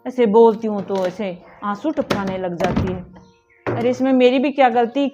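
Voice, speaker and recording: A woman's voice: fairly high pitch, a little slow, natural voice. A woman playing an aggrieved mother-in-law who complains and scolds in a family drama. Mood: indignant. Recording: dull lo-fi audio with faint music.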